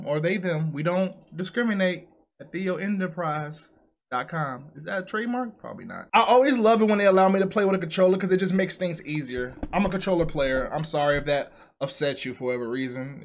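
A man's voice: high-pitched, a bit bright. A young man giving joking, slangy commentary on a horror game he is playing. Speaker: gaming YouTuber. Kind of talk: let's play commentary.

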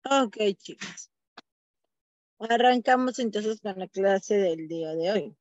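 A woman teacher guiding an online class, asking questions slowly. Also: mid-range voice, darkish tone, no room sound. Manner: slow, guiding, asks questions. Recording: muffled, dry video-call audio.

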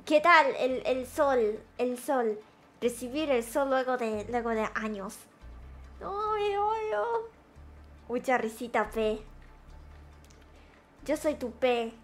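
Excitable high-voiced woman streamer. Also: takes it slowly, faint music behind. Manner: excitable, shrieks when startled; mixes in Japanese and English phrases. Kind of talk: casual live-stream chat.

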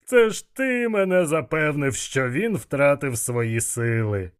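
A man's voice: on the high side, lively intonation, slow, clear, resonant tone, pitched above the performer's own voice. A man doing a boisterous laughing gang boss. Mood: amused. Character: jovial scheming older male gang boss.

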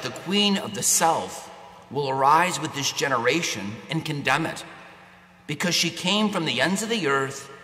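A priest reading the gospel and then preaching a homily at Mass, proclaiming in a measured way before talking plainly with some restarts, his voice carried by a cathedral echo. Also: mid-range voice, bright, forceful tone. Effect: cathedral echo with long reverb. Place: large church. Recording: echoey church with long reverb.

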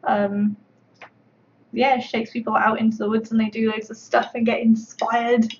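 Gravelly, flat-voiced woman chatting on stream. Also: a little high, moderate pace. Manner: chatty, rambling, full of fillers. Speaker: sculptor livestreaming her work. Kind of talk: casual livestream chat while painting. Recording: dull lo-fi stream audio with faint background noise.

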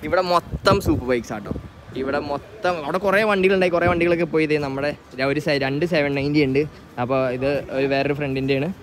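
A man's voice: a little high, fairly even intonation, quick pace, a crowd in the background. A Malayali man chatting casually as a motorcycle vlogger, switching between Malayalam and English words and phrases. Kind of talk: casual vlog chat. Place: outdoors at a roadside and riding a motorbike. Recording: loud outdoor traffic and engine noise.

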